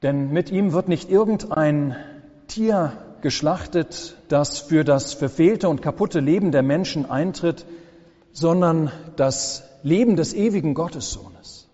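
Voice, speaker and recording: Pastor guy giving a slow sermon, dark mellow voice, long church echo, kinda dull lo-fi sound. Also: a little high. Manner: slow, solemn preaching with dramatic pauses.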